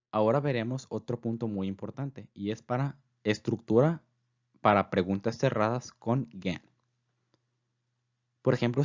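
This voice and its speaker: Low-voiced man teaching German slowly. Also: a little mellow, highs cut off. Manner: slow, careful repetition of example phrases; filler "pues" between phrases. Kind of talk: voice-over language lesson.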